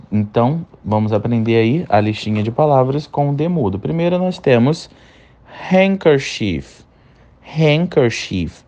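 A man teaching an English vocabulary lesson, modeling words slowly and checking in with short tags after each point. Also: mid-range voice, a little mellow. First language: Portuguese.

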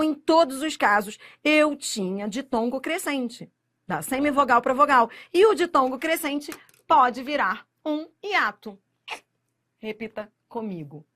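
A Portuguese grammar teacher with a Brazilian accent delivers an exam-prep lecture to camera, her fairly bright voice pitched a little high for a woman. Addressing the viewer directly, she stresses key words emphatically by drawing them out slowly, then rushes through the explanations around them.

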